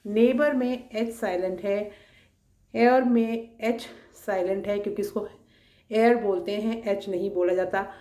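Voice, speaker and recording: A woman teacher explains a classroom worksheet patiently, one step at a time. Her voice sits at a middle pitch and carries a noticeable room echo. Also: warm tone.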